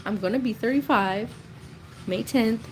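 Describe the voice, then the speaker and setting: A woman's voice: a little high, unhurried, slight background noise, low-quality recording. A woman in her thirties telling rambling, chatty stories about her past on a casual live stream, often breaking into laughs. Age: 30s. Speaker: storytelling creator.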